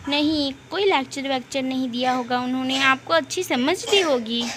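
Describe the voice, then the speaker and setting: A woman playing a sweet, obedient young daughter-in-law who answers politely. The voice is very high and bright. A faint hiss sits under it. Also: moderate pace. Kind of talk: doll story role-play.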